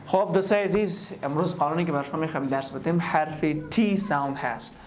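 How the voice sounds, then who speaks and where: A man's voice: on the high side, slight background noise. A man with an Afghan Dari accent, teaching an English pronunciation lesson and explaining step by step as he repeats words to demonstrate.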